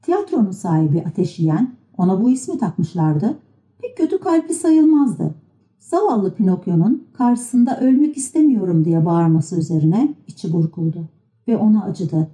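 A woman reading a children's storybook aloud in an expressive way. Her voice is very mellow and soft-edged, and her pitch moves lively up and down. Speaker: audiobook narrator. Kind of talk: storybook narration.

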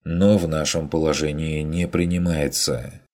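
A man voicing a stern male inquisitor who questions in a measured, coldly commanding way. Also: a bass voice, fairly even intonation, a little mellow. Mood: cool. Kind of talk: audiobook character voice.

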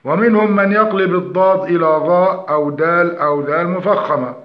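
High-voiced man teaching recitation, echoey room. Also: dull audio. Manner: explains errors then demonstrates slow drawn-out recitation. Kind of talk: tajweed lesson.

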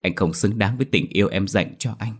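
Remorseful young brother pleading, as a male narrator plays him; deep, low voice. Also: fairly quick, lightly acted.

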